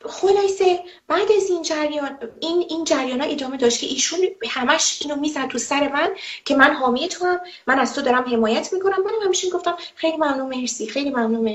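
A woman, a former TV presenter, giving a personal testimony in an emphatic, indignant way with rhetorical questions. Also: high voice. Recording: roomy, slightly dull audio.

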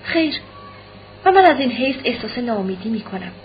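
Brief: a woman voicing a proud, despairing young noblewoman, soft and low-key, fairly high voice, muffled audiobook recording. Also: very animated, faint music behind. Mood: sorrowful. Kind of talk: audiobook reading.

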